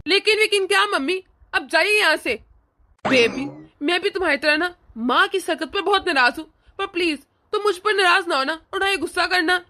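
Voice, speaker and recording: A woman's voice: extremely high pitch, a little fast, bright, forceful tone. A woman voicing a rude scornful young husband. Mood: sweet-talking. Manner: scolding, sneering. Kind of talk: cartoon voice acting.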